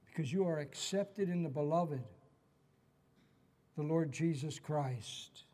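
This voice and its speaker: A middle-aged male pastor delivering a sermon in an earnest, emphatic way. His voice sits somewhat high for a man, and he drives points home by repeating them. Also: slow pace, warm tone, in a large hall. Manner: earnest preaching with emphatic repetition.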